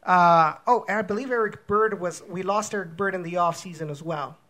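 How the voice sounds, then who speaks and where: A man's voice: high voice, fairly quick, sharp tone. A man co-hosting a soccer podcast in casual chat, rambling with many restarts and fillers. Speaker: podcast co-host.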